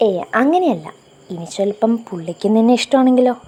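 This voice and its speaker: A woman reading a story aloud, voicing a playful young female friend who talks in a lowered, teasing voice. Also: expressive, fairly quick, warm tone, breathy edge.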